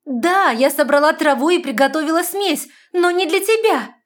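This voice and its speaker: A woman voicing a young, defiant red-haired fairy woman who cries out loud and shrill. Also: normal speed, close to an everyday voice. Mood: shrill panic.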